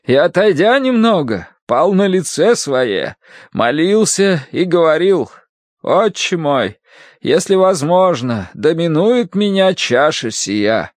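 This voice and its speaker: A man voicing a stern, pious older woman who reads scripture aloud slowly and gravely. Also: fairly high pitch, sing-song, no room sound, clean studio sound, voice pushed up. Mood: declaiming. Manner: slow, grave, declaiming.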